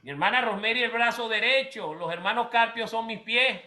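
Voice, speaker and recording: A man's voice: very high voice, a little fast, bright, forceful tone, reverberant. A man preaching a conversational sermon as pastor, speaking directly to his congregation and calling members by name.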